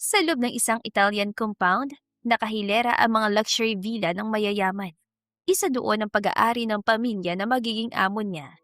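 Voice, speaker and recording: A woman narrating a romance story in a steady storytelling manner. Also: mid-range voice, no room sound, clean studio sound.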